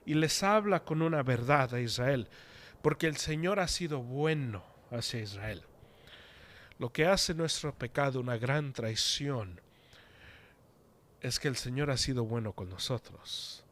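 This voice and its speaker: A man's voice: mid-range voice, expressive, a little slow, a bit bright. A man preaching a sermon in an earnest, conversational way.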